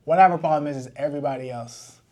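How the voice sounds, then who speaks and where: A man co-hosting a casual podcast chat, joking and bursting into loud outbursts. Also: on the high side, racing. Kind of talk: casual banter.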